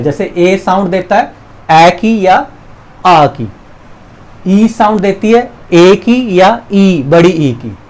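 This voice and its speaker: High-voiced man teaching English. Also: a little mellow, low-quality recording. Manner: patient, repeats examples and asks questions. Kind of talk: explanatory lesson.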